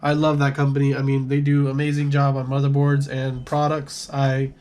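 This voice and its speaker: A man's voice: medium pitch, monotone, normal speed, darkish tone. A man giving a casual tour of his gaming room, rambling and correcting himself as he goes, coughing now and then and short of breath. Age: adult with a son. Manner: rambling, self-correcting, apologetic. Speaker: gaming channel creator.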